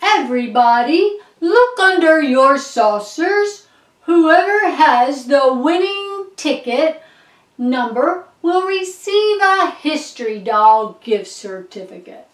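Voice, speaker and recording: A woman doing a loud raffle announcer lady. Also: sits high, lively intonation, slow pace, pitched above the performer's own voice. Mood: announcing. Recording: echoey room, far from the mic.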